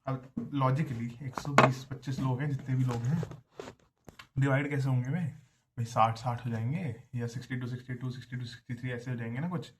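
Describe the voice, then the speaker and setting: A man's voice: mid-range voice, fairly even intonation, brisk, fairly bright tone, a little hiss or hum. A young man, a college student, telling a story in a chatty, casual vlog style, often addressing listeners as brother. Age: young adult.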